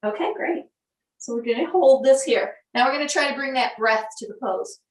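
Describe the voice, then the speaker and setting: A woman yoga instructor talks students through poses with calm, step-by-step cues. Her voice sits a little high and carries some distance from the mic. The room around her is echoey. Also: brisk.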